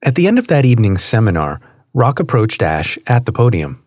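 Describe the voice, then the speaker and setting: A man narrating an audiobook in a steady, unhurried reading voice. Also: medium pitch, dry recording, studio quality. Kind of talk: scripted narration.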